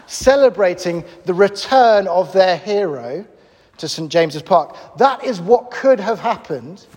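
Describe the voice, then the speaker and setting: Man, preacher, sermon, lively and emphatic, high-pitched, long hall reverb. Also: unhurried, slightly rough. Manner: animated, conversational, emphatic.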